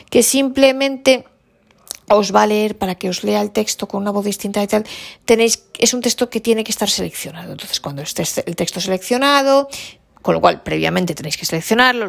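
Creaky-voiced woman explaining settings. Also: medium pitch, a little fast. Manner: chatty, informal, thinks aloud. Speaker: tech instructor. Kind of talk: casual tutorial explanation.

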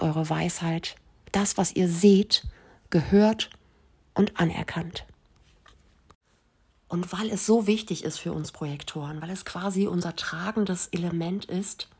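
An earnest woman coach speaks straight to her listeners, her low voice husky and breathy. She slips now and then into near-whispered passages. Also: darkish tone. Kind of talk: motivational podcast monologue.

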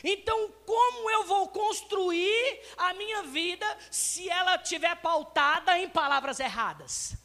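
A male pastor preaches in a lively, swooping voice, bright and sharp at the edges. His sermon rings through a church hall with a long reverb trailing each phrase. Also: very high voice, a little slow, few pauses. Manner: animated, acts out everyday scenes and addresses the congregation directly. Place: church sanctuary.

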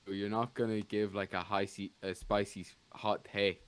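A man's voice: lowish voice, normal speed. A man co-hosting a football podcast, rambling and restarting his sentences in casual chat. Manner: rambling, restarts often, animated. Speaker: podcast co-host.

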